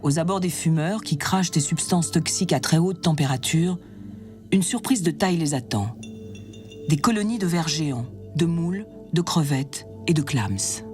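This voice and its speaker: A narrator reading a scripted nature documentary narration. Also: medium pitch. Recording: music behind the voice.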